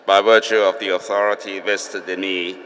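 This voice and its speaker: A man's voice: deep voice, flat delivery, fairly bright tone. A man presiding over a ceremony, solemnly declaring at a lectern microphone in a hall. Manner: solemn, slow and deliberate. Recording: reverberant hall, faint background noise.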